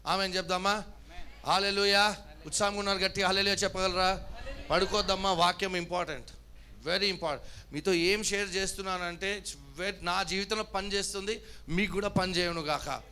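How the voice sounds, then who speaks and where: A male pastor preaches in a high, bright, forceful voice. He speaks emphatically and keeps calling on the congregation to answer him. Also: steady tone, normal speed. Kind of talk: sermon. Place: church service.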